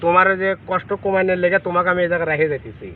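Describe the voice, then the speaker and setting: A man's voice: sits high, racing, far from the mic, narrow, tinny audio, slight background noise. A man acting in a comedy skit, talking in a pleading, theatrical way.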